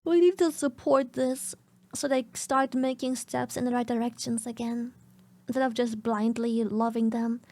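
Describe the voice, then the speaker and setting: Give me a groggy young woman streamer with a raspy, fry-laden voice, giving blunt opinions. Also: a little high, steady tone, moderate pace, dark tone. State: groggy morning voice. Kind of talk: casual live-stream reaction.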